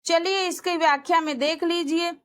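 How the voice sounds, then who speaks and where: A woman's voice: extremely high pitch, fairly even intonation, normal speed, fairly bright tone. A woman teaching, working through exam practice questions one by one and repeating each answer as she explains it. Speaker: Hindi teacher.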